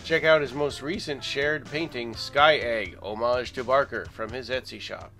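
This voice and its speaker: A man's voice: medium pitch, normal speed, bright, forceful tone, soft background music. A man reading a scripted podcast intro and sponsor message. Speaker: podcast announcer.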